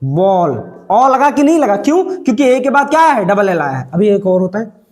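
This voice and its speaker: A man's voice: sits high, big pitch swings, darkish tone. A man teaching English pronunciation, repeating each word and asking himself what it is read as before answering. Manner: repeats words and quizzes himself with questions; stretches out key sounds slowly. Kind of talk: pronunciation lesson.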